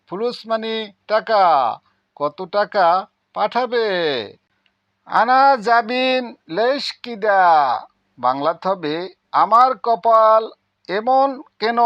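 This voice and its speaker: A man teaching vocabulary, slowly repeating each word and its meaning in a drilling lesson. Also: extremely high pitch, dry recording. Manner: slow, repetitive drilling of words and meanings. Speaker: language teacher. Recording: dull lo-fi sound, dry.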